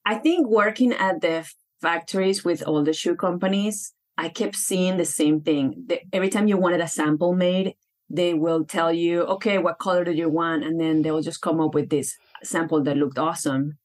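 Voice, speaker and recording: Woman with a low voice. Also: steady tone, moderate pace. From Venezuela. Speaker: guest, brand founder. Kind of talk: interview answers.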